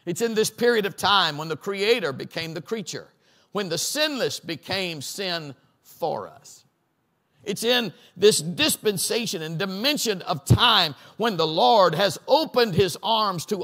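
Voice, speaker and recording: A man's voice: on the high side, gravelly, a bit bright. A middle-aged man pastor preaching a sermon at a Bible study on a church stage, building lists to a crescendo and calling for responses from the audience.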